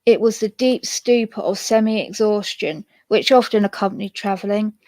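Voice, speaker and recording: A woman storyteller narrating a ghost story in a steady reading voice, with occasional self-mocking asides. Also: medium pitch, moderate pace, no echo.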